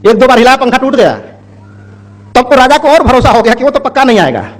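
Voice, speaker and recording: A man's voice: extremely high pitch, animated, fast talker. A man speaking to an audience, telling a parable in a plain, conversational way with repeated phrases. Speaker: public speaker. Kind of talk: storytelling in a speech.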